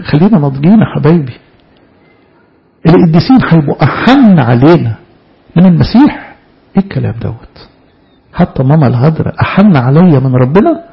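A man's voice: fairly high pitch, vocal fry, breathy edge. A man preaching a sermon with an Egyptian Arabic accent, asking questions and answering them himself. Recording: dull lo-fi recording.

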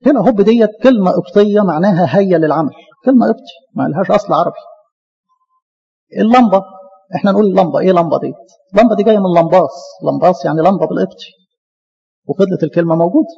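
A man with an Egyptian Arabic accent giving a lively church lecture, talking to his listeners as his beloved. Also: high voice, racing, gravelly, slightly rough, long reverb tail, muffled recording. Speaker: Coptic church speaker.

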